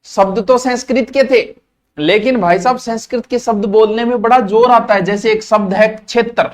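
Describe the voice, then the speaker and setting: Folksy high-voiced Rajasthani man teaching. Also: fairly even intonation, moderate pace. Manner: folksy, jokey, switches into Marwari asides. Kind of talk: casual classroom lecture.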